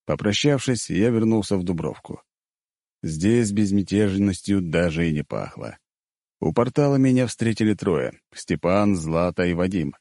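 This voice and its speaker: A man narrating a first-person audiobook in a steady, even reading. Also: sits low, a little slow, no room sound, studio quality.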